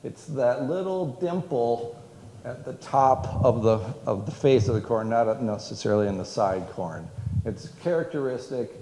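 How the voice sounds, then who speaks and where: The museum director sounds animated and warm, at medium pitch and normal speed, with slight background noise. Giving a public history talk in the museum's event room, he rambles through fillers and restarts as long reverb rings around the echoey hall.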